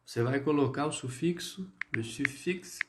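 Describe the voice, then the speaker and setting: A man's voice: mid-range voice, moderate pace, echoey room, noisy background. A Brazilian man teaching French in a live online lesson. He explains patiently and keeps checking in with his viewers. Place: indoor room, livestream.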